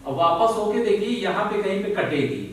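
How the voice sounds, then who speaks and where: A man teaching a physics lesson to students, speaking slowly, repeating key words and often checking that they follow. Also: sits high, animated. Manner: slow, repeats key words, keeps asking "ठीक है ना?"; calls students "बेटा". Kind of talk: classroom lesson. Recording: very echoey room, voice from far off.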